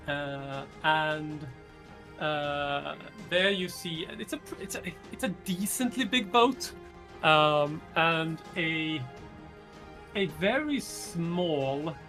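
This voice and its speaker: Halting, higher-voiced man running a tabletop game. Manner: halting, hesitant delivery with searching for words. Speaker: game master. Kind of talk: improvised tabletop game narration.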